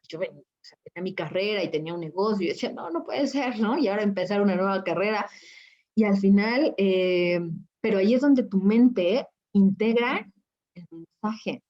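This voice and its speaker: A woman's voice: on the low side, a little mellow, muffled recording. A woman who works as a spiritual coach, telling a personal story in an interview and acting out her own past reactions.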